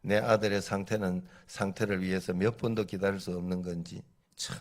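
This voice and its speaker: An irate, impatient father fires accusing questions at a doctor, as a preacher puts him on in a story. The voice sits a little low and stays conversational, with a demanding edge. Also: steady tone, moderate pace. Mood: angry. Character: angry impatient father of a sick boy. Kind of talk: sermon illustration.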